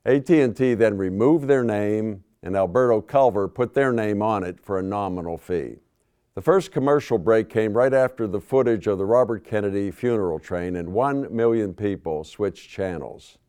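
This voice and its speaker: An older man recounting a personal story at a public forum, in a measured, dry manner. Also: fairly low pitch, dark tone, smooth.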